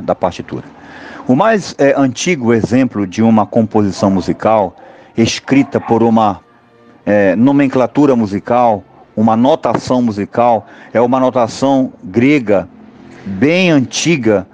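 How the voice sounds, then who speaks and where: A Brazilian man teaching an online music seminar, talking in a halting way with many fillers and tag questions. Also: medium pitch, darkish tone, dull audio. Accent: Brazilian Portuguese.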